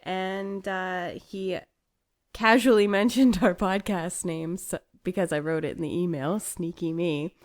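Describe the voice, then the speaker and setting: A woman's voice: on the low side, steady tone, a little slow. A woman co-hosting a podcast in casual chat, chatty and laughing often. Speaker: podcast co-host.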